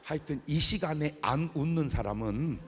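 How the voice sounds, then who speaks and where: A middle-aged man preaching a revival sermon as pastor, joking and acting out scenes in an animated way, in a large church sanctuary with an echoey hall. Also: fairly high pitch, moderate pace, a little hiss or hum. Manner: animated, joking, acts out wailing mourners. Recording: echoey hall with long reverb.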